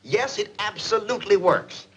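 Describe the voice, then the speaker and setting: An actor playing an excitable middle-aged businessman boss in a 1940s film, blustering and theatrical. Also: high voice, normal speed. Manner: blustering, theatrical, swings from loud to hushed. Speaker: company boss. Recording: old film soundtrack with faint hiss.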